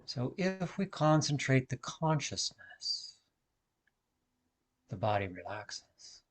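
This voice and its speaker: Leading a guided meditation, a male teacher with a mid-range voice keeps a calm, deliberate delivery, offering measured phrases and pausing at length between them.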